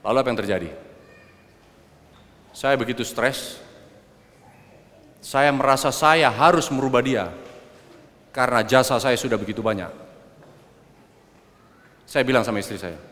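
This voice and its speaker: A middle-aged man preaching a personal testimony sermon, addressing the congregation directly and swinging between loud outbursts and quiet asides. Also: mid-range voice, a little slow, pauses often. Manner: addresses the congregation as brothers and sisters. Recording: long hall reverb.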